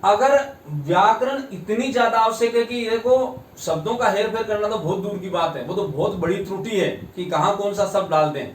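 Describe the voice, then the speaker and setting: A man teaching a grammar lesson, speaking slowly and emphatically and repeating key words, then telling a short story. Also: high-pitched, slight background noise. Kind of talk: grammar lesson with a told anecdote. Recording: roomy, distant mic, faint ambience.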